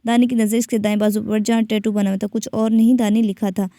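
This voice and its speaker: A woman reading a romance novel aloud, rapid and even, with slips and restarts. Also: mid-range voice, no echo, clean studio sound. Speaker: novel reader.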